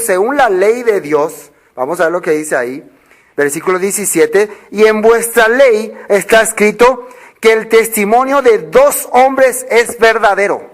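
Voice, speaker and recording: A man with a notably high voice preaches a sermon. He reads scripture aloud, then unpacks it through a string of rhetorical questions that he answers himself. His delivery is that of a congregation's preacher. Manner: reads scripture verses aloud and explains them.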